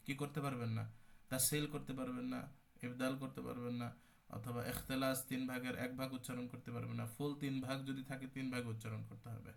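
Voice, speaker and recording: Gravelly-voiced man teaching Quran recitation. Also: medium pitch. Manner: explanatory, repeats terms and asks the class questions. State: coughing now and then. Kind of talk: online tajweed class lecture.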